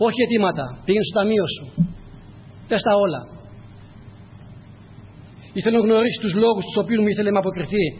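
Male preacher, higher register, repetitive exhortations, reverberant church with a muffled, faint hiss. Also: pauses often. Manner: repetitive exhortations, direct address to listeners. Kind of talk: sermon with scripture reading.

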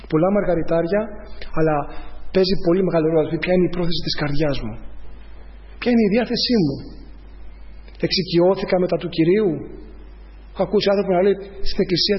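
A man preaching a conversational sermon to his congregation, calling them brothers. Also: fairly high pitch. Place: church hall. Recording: dull, lo-fi church recording with long reverb.

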